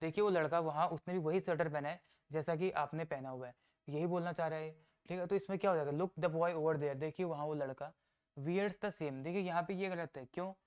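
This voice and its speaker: A man teaching an exam-prep grammar lesson, explaining step by step, reading example sentences out slowly and answering his own questions. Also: a little high, smooth. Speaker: English teacher.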